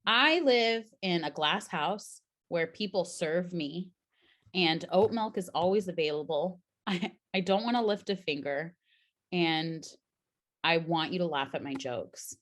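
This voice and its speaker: Lower-voiced woman telling playful stories. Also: a little slow, fairly bright tone. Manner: playful storyteller, dry humor, drops low when musing. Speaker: co-host. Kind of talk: casual chat.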